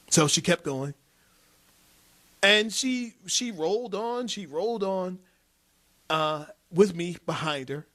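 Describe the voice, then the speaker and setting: A man's voice: fairly high pitch, a bit bright. A man hosting a motivational talk show, telling a personal story with emphatic repetition and frequent laughs. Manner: emphatic, repeats key phrases, laughs often. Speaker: host, motivational speaker. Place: TV studio set.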